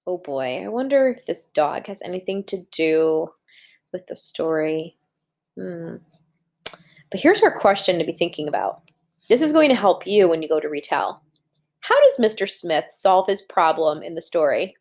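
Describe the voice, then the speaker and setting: A female teacher reads a storybook aloud to young children, speaking to them directly and asking questions as she leads them through it. Her voice sits on the low side, and she's indoors at a computer.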